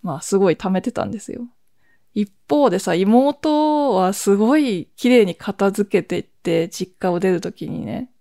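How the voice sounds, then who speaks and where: A woman's voice: mid-range voice, animated, measured pace, vocal fry, dark tone, no room sound, clean studio sound. A woman in her forties hosting her own podcast at home at night, chatting in a rambling way, laughing at herself and keeping her voice down. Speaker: podcast host. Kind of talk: casual solo chat.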